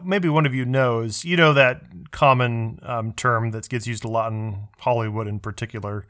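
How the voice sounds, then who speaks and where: A man's voice: mid-range voice, fairly even intonation, normal speed, fairly bright tone. A man co-hosting a podcast in casual chat, rambling and searching for words as he thinks aloud. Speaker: podcast co-host.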